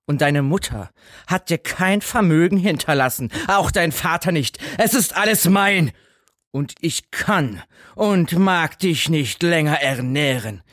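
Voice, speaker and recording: A man's voice: on the high side, expressive, unhurried, fairly bright tone, no echo, studio quality, pitched above the performer's own voice. A man voicing a cold, greedy stepmother in a storybook reading, scolding harshly.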